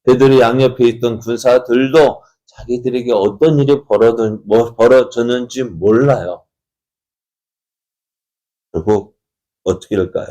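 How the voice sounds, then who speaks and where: A man's voice: mid-range voice, measured pace, pauses often, dark tone. A man preaching at an early-morning prayer service, telling a Bible story with many rhetorical questions and acted-out dialogue. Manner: acts out the characters' dialogue in changing voices. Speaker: pastor.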